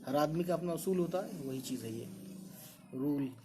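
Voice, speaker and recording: A man's voice: a little high, animated, normal speed, noisy background. A man teaching an online language lesson, drilling singular and plural word pairs by repeating each one and calling his viewers guys. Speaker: Urdu teacher.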